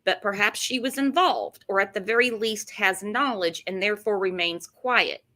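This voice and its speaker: A woman's voice: mid-range voice, moderate pace, bright, forceful tone. A woman hosting a casual true-crime commentary chat, with a sarcastic, mocking edge. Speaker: host.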